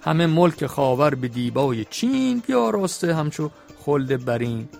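Man, storyteller, gravelly creaky voice, measured verse recitation, chatty retelling, faint background music. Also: on the high side, big pitch swings, darkish tone. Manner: slow measured verse recitation, then chatty plain explanation. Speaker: storyteller reading an epic poem.

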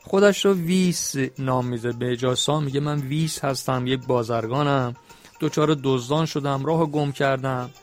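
A man storyteller who recites epic verse slowly and then retells it in plain, chatty speech. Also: mid-range voice, soft background music. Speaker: storyteller reading an epic poem.

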